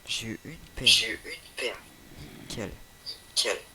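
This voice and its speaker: A man's voice: lowish voice, animated, normal speed, pushed and bright, a little hiss or hum. A man giving casual gameplay commentary in short, offhand remarks, with each phrase heard twice as it echoes back through a friend's call. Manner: talks in short, offhand remarks while playing. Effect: every phrase heard twice, echoed back through a friend's call. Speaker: gamer recording a let's play.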